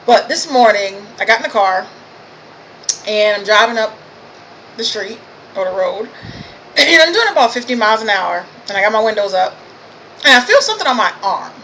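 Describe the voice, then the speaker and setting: A woman's voice: mid-range voice, expressive, normal speed, pauses often, bright, forceful tone, slight background noise, low-quality recording. A tired woman vlogging to camera, chatting casually and laughing at herself as she tells a goofy story about her day.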